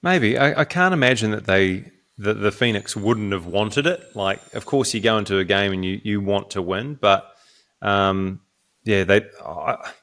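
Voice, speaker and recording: A man, co-hosting a casual sports podcast, talking in halting runs with frequent restarts. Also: lowish voice, a bit bright. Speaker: podcast co-host.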